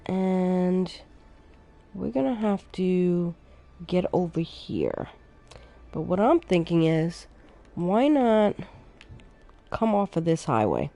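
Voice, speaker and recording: A woman's voice: fairly low pitch, soft background music. A woman streaming a city-building game, casually thinking aloud as she plays and sounding a little sleepy. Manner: relaxed, thinking aloud, unhurried. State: sleepy, yawning. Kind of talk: casual gameplay commentary.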